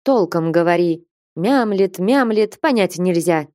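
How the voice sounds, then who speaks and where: A woman reads an imperious old abbess from a storybook, sharp and impatient. Her voice is dark and low, recorded close and dry. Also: lively intonation, slow, dry recording. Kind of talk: audiobook character reading.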